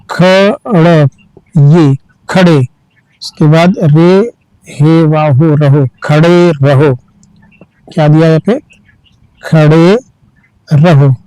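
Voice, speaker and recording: Guy teaching kids to read, sounds out every letter super slow, mellow voice. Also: on the high side, no room sound, poor audio. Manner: spells each word letter by letter, then reads it slowly. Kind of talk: slow letter-by-letter reading lesson.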